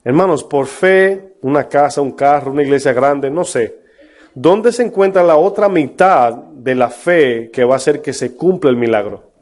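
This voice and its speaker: A man's voice: on the high side, moderate pace, darkish tone. A man preaching a sermon as pastor, emphatic, with rhetorical questions to his congregation. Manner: mocks false prophets in a put-on voice.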